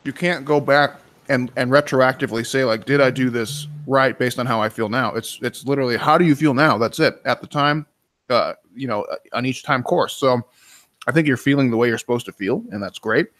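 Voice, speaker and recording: A man's voice: medium pitch, fairly quick, a bit bright, no echo. A man co-hosting a casual webinar Q&A, giving blunt, casual advice with some swearing. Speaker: co-host.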